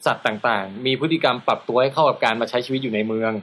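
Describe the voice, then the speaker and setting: A man's voice: mid-range voice, racing, a bit bright. A man co-hosting a casual talk show, telling a news story in a chatty way with fillers and frequent laughter. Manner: chatty, laughs often, thinks aloud with fillers. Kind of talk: casual chat.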